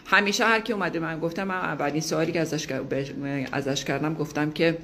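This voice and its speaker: A woman's voice: sits low, a bit bright, a little hiss or hum. A woman giving a motivational talk, speaking emphatically and asking her listeners rhetorical questions.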